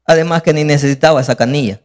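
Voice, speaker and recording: A man preaching a sermon as pastor, lively and acting out scenes. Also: on the high side, fast talker, long reverb tail.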